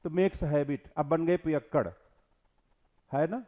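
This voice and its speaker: A male teacher delivers an exam-prep lecture on scripture, posing rhetorical questions and quoting verses while his voice swings between loud and soft. His voice sits on the high side and he speaks unhurriedly, though the recording has its highs cut off.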